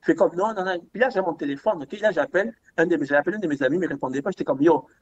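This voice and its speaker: A young man telling a story in casual chat, animated, repeating words and acting out the dialogue. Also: high voice, rapid-fire. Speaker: podcast guest. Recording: dull lo-fi sound.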